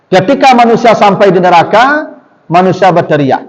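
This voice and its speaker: A man's fairly high voice rings through a mosque hall with a long, lingering reverb. He preaches. He explains Quran verses animatedly, often turning to the congregation. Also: normal speed, highs cut off. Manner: animated, often addresses the congregation, acts out quoted speech. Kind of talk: mosque sermon, Quran commentary. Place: mosque hall after evening prayer.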